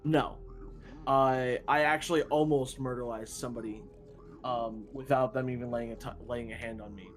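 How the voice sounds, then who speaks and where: A man's voice: mid-range voice, steady tone, normal speed, faint music behind. A man streaming a game and chatting casually, rambling with frequent restarts and self-deprecating asides. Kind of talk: casual chat while gaming.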